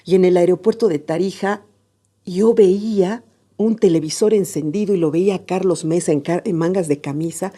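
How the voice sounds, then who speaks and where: Woman, husky and mellow, documentary interview, vivid storyteller. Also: on the low side, normal speed. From Bolivia. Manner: vivid storytelling, acts out remembered dialogue. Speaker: interviewee, daughter recalling her father's death.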